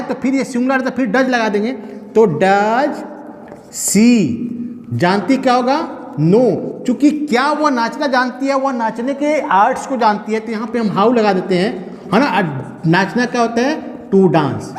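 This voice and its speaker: A man's voice: extremely high pitch, animated, measured pace. A man with a Bihari Hindi accent teaching a grammar lesson to a class, asking questions and answering them himself. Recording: echoey hall with long reverb.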